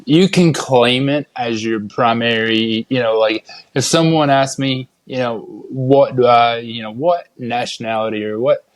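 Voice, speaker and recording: Podcast host: man, mid-pitched voice, casual chat, very dry recording. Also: unhurried, no echo.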